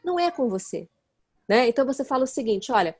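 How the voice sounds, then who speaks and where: A woman, a guest expert who explains her ideas earnestly in relaxed conversation and often checks in with her listener. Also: high voice, fast talker, breathy edge. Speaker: guest expert in nonviolent communication.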